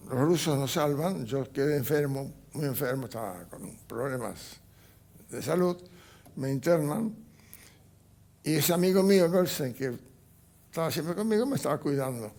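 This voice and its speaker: Older man, gravelly and halting. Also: a little high, lively intonation, darkish tone. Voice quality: gravelly, husky voice. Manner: halting recollection with restarts and fillers. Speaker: interview guest, Holocaust survivor. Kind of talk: personal testimony in a TV interview. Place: TV studio.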